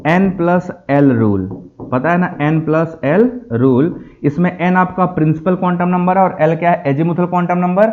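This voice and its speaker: A man teaching a chemistry lecture, explaining slowly and asking the students questions again and again. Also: high voice, mellow, highs cut off. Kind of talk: classroom lecture.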